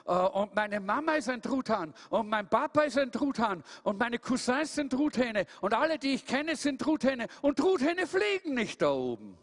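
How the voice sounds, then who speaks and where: A man's voice: very high voice, very animated, normal speed, few pauses, big-room sound, voice pushed up, heavily acted. A man voicing a restless young male turkey who longs to fly, pleading and repeating himself.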